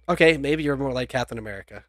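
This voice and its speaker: A game master narrating a tabletop role-playing game in a casual chat, laughing often between lines. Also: mid-range voice. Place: home streaming setup.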